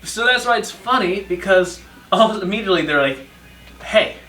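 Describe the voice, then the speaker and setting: A man's voice: high-pitched, expressive, brisk, bright, forceful tone. A young man hosting a podcast, telling rambling stories in a sarcastic, profane, casual way. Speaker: podcast host. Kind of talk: casual storytime monologue. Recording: echoey room, distant mic.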